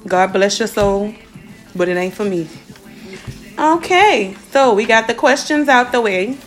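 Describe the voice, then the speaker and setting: A woman's voice: a little high, expressive, measured pace, faint music behind. A woman hosting a casual podcast chat, brash and profane as she reads listener questions. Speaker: podcast host.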